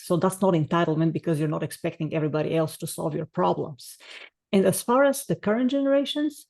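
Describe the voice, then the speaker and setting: Gravelly-voiced woman. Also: fairly low pitch, mellow. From Bulgaria. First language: Bulgarian. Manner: brisk, assertive, explaining. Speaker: podcast guest. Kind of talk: casual interview talk.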